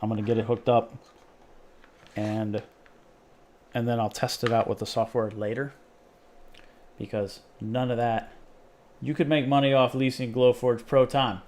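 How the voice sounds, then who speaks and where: A man's voice: medium pitch, flat delivery, measured pace, pauses often, darkish tone, a little hiss or hum. A man hosting a live stream, chatting casually and joking with viewers while he tinkers with a homemade project. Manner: rambling, jokey, talks to chat while tinkering.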